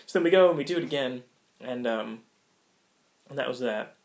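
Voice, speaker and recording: A man's voice: mid-range voice, normal speed. A young American man telling a story casually, rambling with many fillers and frequent laughs. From United States. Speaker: vlogger.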